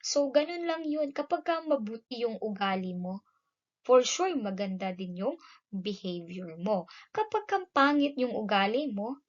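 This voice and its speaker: A Filipino woman teaching a class, explaining terms with frequent "no?" tag questions and an emphatic, lively delivery. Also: a little high, measured pace, dull audio. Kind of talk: classroom lesson.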